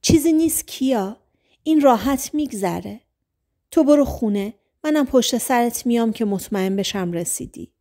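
A woman voicing a caring, shy teenage boy who speaks softly and reassuringly in an audiobook. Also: a little high, expressive.

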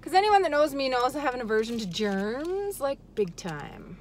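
Holding her phone at arm's length, a chatty, giggly vlogger in her forties talks to camera during a travel vlog shot in a car, a restaurant and a hotel hallway. She has a high voice with big pitch swings and a moderate pace, and there is slight background noise.

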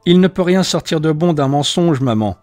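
A man's voice: on the high side, animated, moderate pace, a little mellow, no echo, faint music behind, pitched above the performer's own voice, lightly acted. A man voicing a firm, honest young woman. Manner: clear, assured.

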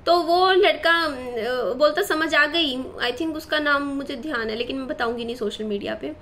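A woman's voice: high voice, normal speed, a bit bright. A woman in her twenties telling a personal story to her viewers in a chatty, rambling way, with many fillers and self-corrections. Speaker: vlogger.

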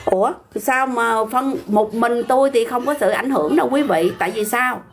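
A woman's voice: a little high, normal speed, background noise. Blunt older Southern Vietnamese woman. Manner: blunt, argumentative, talks back to commenters. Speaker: livestreamer reading viewer comments. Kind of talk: casual livestream chat.

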